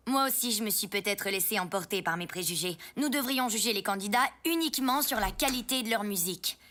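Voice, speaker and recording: A woman's voice: mid-range voice, lively intonation, brisk, pushed and bright. A woman playing a confident, fair-minded young band member in a cartoon, earnest and efficient. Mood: irritated, apologetic. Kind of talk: French animated cartoon acting.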